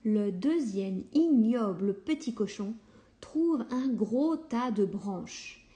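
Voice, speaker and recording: A woman reads a children's story aloud at a slow, unhurried pace. Her voice is mellow and soft-edged, and her delivery is calm. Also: a little high.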